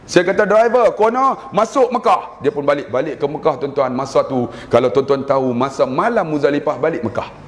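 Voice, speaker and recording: A man's voice: medium pitch, quick pace, hardly any pauses. A man with a Malaysian Malay accent preaching a sermon, telling stories animatedly and acting out prayers in a raised voice. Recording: long hall reverb.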